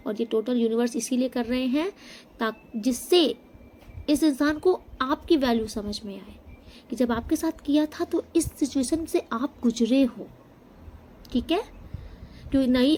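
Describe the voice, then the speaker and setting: A woman's voice: on the high side, mellow. Emphatic woman giving a tarot reading. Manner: emphatic, addresses viewer directly with frequent "okay?". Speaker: tarot reader. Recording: faint background noise.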